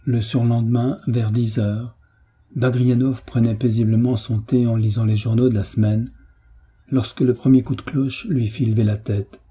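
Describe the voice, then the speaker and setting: A man narrating an audiobook in French in a measured, steady reading. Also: medium pitch, slightly rough. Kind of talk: scripted narration.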